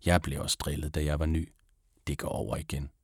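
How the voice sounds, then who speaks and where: Friendly young schoolgirl, soft and reassuring, read by a man with a very deep voice. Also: flat delivery, dry recording, clean studio sound.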